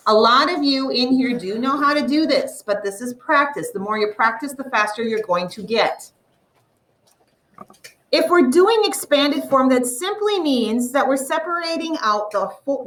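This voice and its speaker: A woman teaching a math lesson to a classroom, explaining step by step and slowly drawing out the numbers. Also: on the high side, fairly bright tone, recorded from a distance, low-quality recording.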